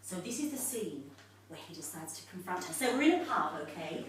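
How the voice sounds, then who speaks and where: A woman's voice: on the low side, big pitch swings, fairly quick. A woman playing a chatty, starstruck would-be actress who performs a live comic monologue in a living room for an audience. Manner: chatty, theatrical, laughs often. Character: starstruck would-be actress hosting her own evening. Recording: echoey room, mic far off.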